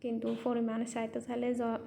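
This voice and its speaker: Her pitch is fairly high and her delivery completely flat, fairly quick, gravelly yet mellow, over slight background noise. She's a vlogger and mother in Malaysia, a non-native Bengali speaker with a Chittagong-tinged accent, casually narrating and restating points simply.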